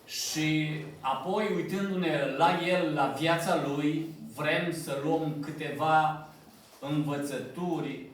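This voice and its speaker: A man preaching a sermon in a church hall, building in pitch and force to stress points and slowing on key phrases. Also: steady tone, far from the mic, a little hiss or hum. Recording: echoey church hall from off mic.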